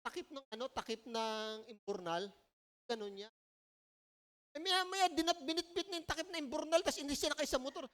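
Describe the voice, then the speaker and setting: A woman with a Filipino accent preaching a sermon at a church service in a conversational, animated way, often checking in with the listeners. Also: high-pitched, fairly quick. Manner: conversational, animated storytelling, frequent "po" and "no?".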